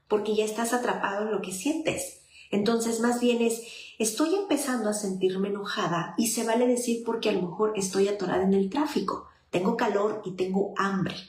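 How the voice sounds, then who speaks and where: A woman child psychologist, giving conversational advice to parents and often checking in with her listeners. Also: a little high. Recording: roomy echo.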